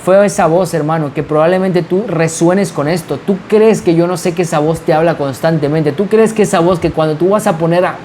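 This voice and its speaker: A man's voice: a little high, fairly quick, few pauses, darkish tone, slight background noise. A man giving an insistent, repetitive motivational monologue. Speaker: motivational speaker.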